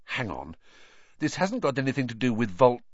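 An earnest young wizard boy, read by a man, asking urgent questions with a lively, bouncing pitch. The tone stays close to a plain speaking voice. The sound is dry and a bit dull, recorded in a small booth. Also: moderate pace, no echo. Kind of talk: audiobook reading.

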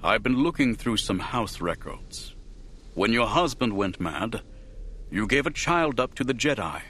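A man reading an audiobook voices a cold, menacing aristocratic count who speaks mildly and slowly. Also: medium pitch, big pitch swings, fairly bright tone, a little hiss or hum. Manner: mild, slow, menacing.

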